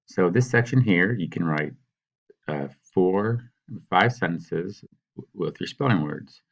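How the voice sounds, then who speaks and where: Very deep-voiced male teacher, patient. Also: expressive, gravelly, lo-fi sound. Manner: patient, sounds out words slowly. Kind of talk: recorded classroom walkthrough.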